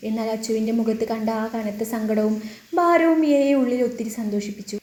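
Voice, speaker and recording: A woman telling a serialized family drama as a storyteller, reading all the characters' lines herself with gentle emotional shading. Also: on the high side, roomy sound.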